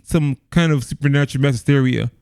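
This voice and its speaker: A man's voice: medium pitch, quick pace, creaky, a little mellow, clean tone, no room sound, clean studio sound. A man co-hosting a casual movie podcast who often stammers, repeats words and chimes in with agreement. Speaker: podcast co-host.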